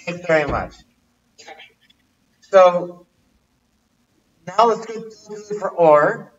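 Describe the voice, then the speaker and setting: In a relaxed language class, a high-voiced man teaches while repeatedly questioning his audience. He speaks extremely slowly, and the livestream sound is muffled and distant, like he's well away from the microphone.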